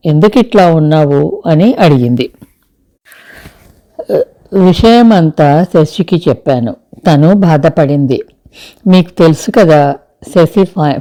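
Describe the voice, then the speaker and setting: A woman's voice: low voice, warm tone. A woman reading an earnest young man. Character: man, young adult, earnest cousin and husband.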